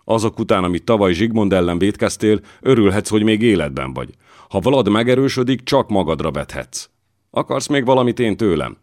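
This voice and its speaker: A man voicing a gruff, hot-tempered warrior who talks in threats, in an audiobook. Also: lowish voice, lively intonation, darkish tone, dry recording, clean studio sound, pitched above the performer's own voice, close to an everyday voice. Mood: angry.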